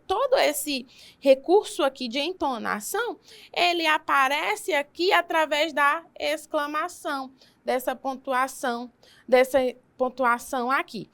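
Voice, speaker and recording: High-pitched brazilian lady teaching a recorded class, explains step by step, keeps checking in with "tá?". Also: fairly bright tone. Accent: Brazilian Portuguese.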